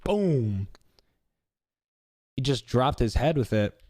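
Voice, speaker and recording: A man's voice: medium pitch, expressive, takes it slowly, dark tone, no echo. A young man casually reacting to footage of his own boxing match, swearing often and picking apart his mistakes.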